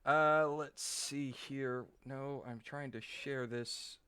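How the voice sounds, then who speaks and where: A podcast co-host running the segments in casual chat, laid-back and profane, laughing often. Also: male voice, mid-range voice, fairly even intonation, takes it slowly, pushed and bright, clean tone, no echo.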